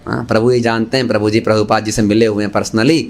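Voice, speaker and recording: A man giving a Gita class as a Hare Krishna preacher, asking rhetorical questions and mixing English phrases into his talk, lively and joking with listeners. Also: lowish voice, fast talker.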